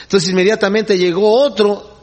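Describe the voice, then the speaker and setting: Husky high-voiced male preacher. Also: level tone, normal speed, darkish tone. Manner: explanatory Bible teaching, varied pacing. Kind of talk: sermon.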